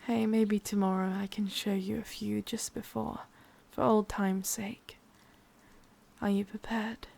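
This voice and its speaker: In this ASMR roleplay, an English-accented woman whispers breathily and huskily as a possessive, sadistic witch lover, teasing and close. Her mid-range voice stays level, slow, and somewhat dark in tone, coming across as both soothing and possessive.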